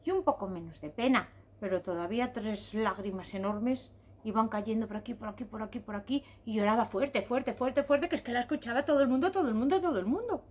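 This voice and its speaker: A woman telling a story to children in an expressive, sing-song, repetitive way. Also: a little high, a little fast.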